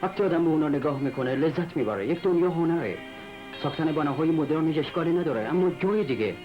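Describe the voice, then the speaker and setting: An actor playing a calm, reserved doctor who speaks in a measured, earnest way in a 1970s film drama. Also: male voice, fairly high pitch, natural voice. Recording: dull 1970s film soundtrack with faint music.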